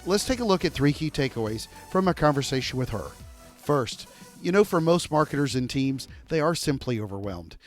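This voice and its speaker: A man hosting a podcast, asking playful this-or-that questions and then giving a measured recap of advice. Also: medium pitch, lively intonation, faint music behind. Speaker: podcast host. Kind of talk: casual interview and scripted recap.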